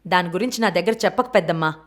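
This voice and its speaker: Lady voicing a careless young guy, brushes things off quick. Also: on the low side, close to an everyday voice. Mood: dismissive. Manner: dismissive, quick. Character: lazy careless young man, jobless nephew.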